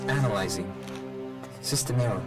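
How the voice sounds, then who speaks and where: An actor voicing a damaged male combat robot in a video game. His voice runs through a robotic metallic filter, and he speaks in flat, clipped status reports with repeated system errors. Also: lowish voice, moderate pace. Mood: malfunctioning, clipped. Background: loud game music.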